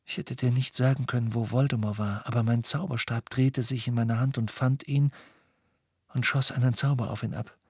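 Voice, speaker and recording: A man's voice: medium pitch, fairly even intonation, moderate pace, a little mellow, husky, dry recording, clean studio sound. A man voicing a troubled teenage boy wizard who speaks tense and insistent. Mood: urgent.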